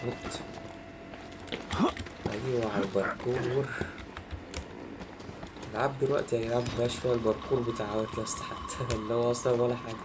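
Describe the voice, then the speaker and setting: Egyptian male gamer, chatty horror let's-play host, quick delivery, game noise behind him. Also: mid-range voice, fairly even intonation. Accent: Egyptian Arabic. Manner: chatty, addresses viewers often. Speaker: gaming video host. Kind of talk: casual horror game commentary.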